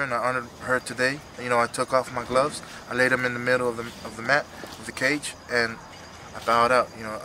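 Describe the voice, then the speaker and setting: Emotional man, bright forceful voice, halting delivery. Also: medium pitch, a little hiss or hum. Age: 30s. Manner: halting, earnest, repeats himself. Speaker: retiring fighter being interviewed. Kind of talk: emotional post-fight interview, unscripted.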